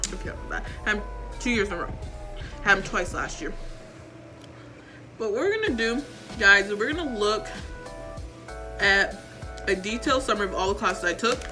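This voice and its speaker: A woman's voice: mid-range voice, expressive, normal speed, pauses often. A teenage girl vlogging about her school credits and grades in a rambling, chatty, self-mocking way. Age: teens. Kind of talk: casual chat. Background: faint background music.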